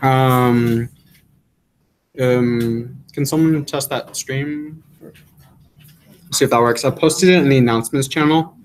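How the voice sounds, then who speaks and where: A man's voice: medium pitch, slow, pauses often, a little hiss or hum, low-quality recording. Casual young male instructor. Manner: filler-heavy, repeats "yeah" often. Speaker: course instructor. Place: classroom.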